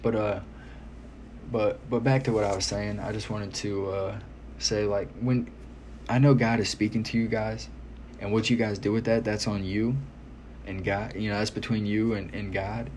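A man's voice: lowish voice, little pitch movement, normal speed, darkish tone. A man giving an informal, earnest, exhorting sermon to listeners, repeating phrases for emphasis. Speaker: preacher. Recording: noticeable background noise.

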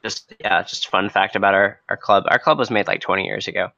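A young man with a low, froggy voice, hoarse from a cold, hosts a podcast off the cuff. His delivery is casual and hesitant, with a bright, forward edge. The recording is close and dry. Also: steady tone, fast, no echo, highs cut off. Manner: hesitant, loosely unscripted. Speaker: podcast host. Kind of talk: casual, spontaneous podcast talk.

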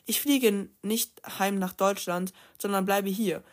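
A woman's voice: medium pitch, steady tone, takes it slowly, close to an everyday voice. Woman doing eager young boy, pleading, storybook reading.

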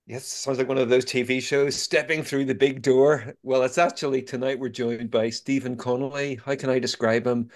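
Co-host, man, average pitch, informal presenting style. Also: fairly even intonation, moderate pace, few pauses. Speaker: podcast co-host. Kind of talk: casual presenting of a running agenda.

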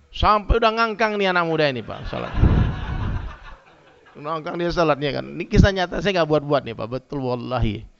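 Male preacher telling stories to his congregation, bright tense tone, gravelly edge. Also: on the high side. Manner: lively storytelling, addresses listeners directly. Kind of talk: humorous sermon with anecdotes. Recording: dull lo-fi sound.

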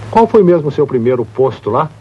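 A man's voice: mid-range voice, sing-song, fairly quick, dark tone, slight background noise, natural voice. Actor doing a mean rich boss guy, mocky and bossy, muffled old movie audio. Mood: mocking. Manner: mocking, bossy, theatrical. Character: domineering wealthy male boss, father.

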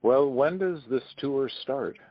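A man's voice: medium pitch, takes it slowly, no room sound, lo-fi sound. A man interviewing a guest in a friendly, curious way. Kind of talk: casual interview chat.

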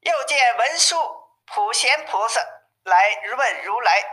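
A woman reads a classic tale aloud as an audiobook narrator. Her voice is bright and clear, and she leans expressively into exclamations, drawing them out. Her delivery stays lively throughout. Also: on the high side, slow, rough recording. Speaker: storyteller.

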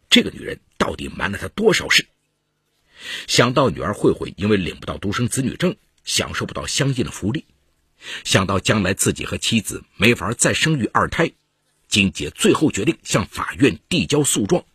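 A man telling a legal case story in a low, husky voice. His pitch swings widely as he dramatizes the events. The sound is dry and close to the mic. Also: pushed and bright, no room sound. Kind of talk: scripted case narration.

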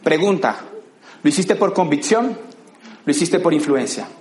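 A Colombian man giving an animated motivational talk to a live audience, acting out scenes with sound effects. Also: on the high side, moderate pace, reverberant, slight background noise. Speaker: motivational speaker.

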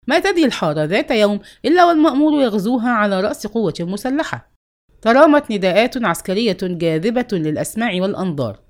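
A woman reads a literary novel aloud at a measured storytelling pace. Her pitch sits in the middle of the female range but moves a great deal, rising and falling as she takes on each character's lines in turn. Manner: expressive, voices dialogue within narration. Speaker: audiobook narrator.

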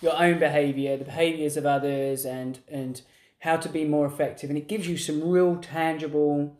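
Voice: mid-range voice, fairly even intonation, normal speed, darkish tone, roomy sound. An English speaker co-hosting a casual chat, thinking aloud and often restarting sentences. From England. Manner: reflective, restarts sentences, exclaims in surprise. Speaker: podcast co-host.

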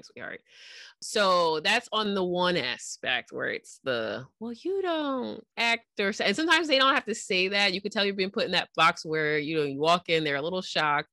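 Low-voiced woman in her thirties, animated. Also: no room sound, studio quality. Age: 30s. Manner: animated storyteller, acts out quoted people. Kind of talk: casual chat.

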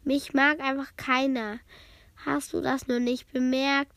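A woman's voice: sits high, little pitch movement, unhurried, fairly bright tone, no room sound. A woman voicing a hurt, defiant schoolgirl in a children's story read aloud, talking sulkily. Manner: sulky, defiant.

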